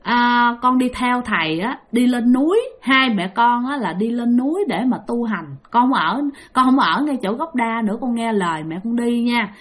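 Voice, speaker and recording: A woman's voice: fairly high pitch, expressive, moderate pace, hardly any pauses. Woman voicing a young woman's ghost. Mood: gentle farewell. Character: ghost of a young woman, pleading, turns menacing.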